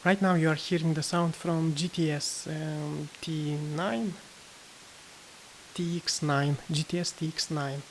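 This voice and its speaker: A woman reviewing gear tests various microphones, a condenser among them, in an indoor room for a casual vlog. Her deep voice has fairly even intonation as she talks hesitantly with many fillers and reads haltingly from a book. The recording is rough, with slight background noise.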